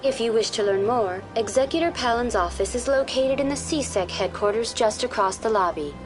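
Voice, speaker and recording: A woman plays a courteous female AI program in a video game, answering in a polished, too-smooth synthetic manner. The voice sits a little high, and game music plays underneath. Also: a little fast, natural voice. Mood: calm informative. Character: smooth, polite female virtual-intelligence information program.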